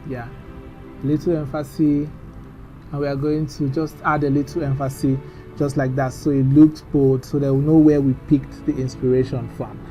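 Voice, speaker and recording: A man's voice: mid-range voice, little pitch movement, moderate pace, dark tone, soft background music. A man talking through a screen-recorded design tutorial in a chatty, instructive way, often trailing off into mumbles.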